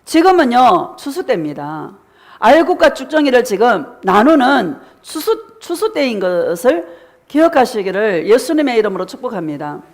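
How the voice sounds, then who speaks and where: A woman's voice: on the high side, sing-song, moderate pace. A middle-aged woman pastor giving a sermon, asking the congregation questions and answering them herself, sometimes acting out what believers say. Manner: preaching with rhetorical questions and call-and-response; acts out voices of congregants in quoted prayers.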